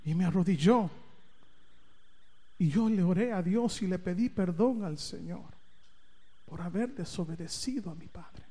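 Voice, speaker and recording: A man preaching, telling a dramatic personal story with big swings in loudness and pitch. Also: a little slow, pauses often. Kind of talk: storytelling sermon. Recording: reverberant hall.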